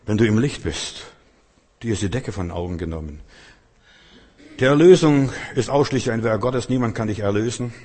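Husky preacher in a reverberant hall. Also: male voice, medium pitch. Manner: emphatic, swings between loud declarations and hushed lines; addresses listeners directly and intimately. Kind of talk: sermon.

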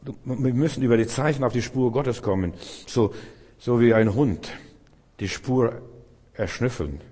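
A man's voice: medium pitch, a little slow, dark tone, breathy edge, in a large hall. A male preacher delivering a sermon, speaking straight to the listener with repeated, emphatic phrases. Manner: addresses the listener directly as "du", repetitive, emphatic.

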